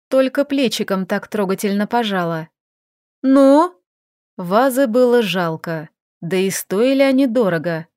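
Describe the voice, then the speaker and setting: Woman narrator, audiobook reading, lively storytelling, mid-pitched voice, dry close recording. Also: no echo. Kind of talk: scripted narration.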